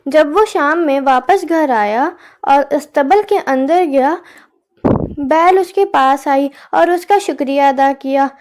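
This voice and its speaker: A woman with a high-pitched voice reads a children's folk tale aloud. Her narration is clear and steady, scripted and even-paced. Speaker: storyteller.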